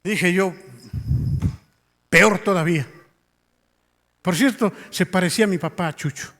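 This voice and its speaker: Very high-pitched impassioned male preacher. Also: normal speed. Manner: impassioned, rising to near shouts in retold scenes. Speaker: pastor. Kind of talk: sermon with storytelling. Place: church meeting hall. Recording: long reverb of a large hall.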